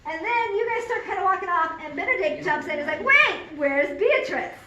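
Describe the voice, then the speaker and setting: A woman's voice: extremely high pitch, animated, quick pace, bright, forceful tone. A woman directing a first rehearsal, talking her cast through scenes in a chatty way and playfully quoting lines. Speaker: drama director. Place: large echoey rehearsal room. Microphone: far room recorder. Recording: echoey room from far off, chattering students.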